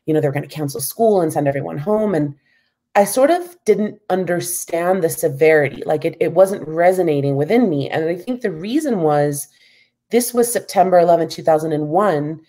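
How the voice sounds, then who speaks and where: A woman's voice: deep voice, moderate pace, mellow. A woman from the United States in her thirties, a professor answering interview questions in a thoughtful, candid way with many "you know"s. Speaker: guest, professor.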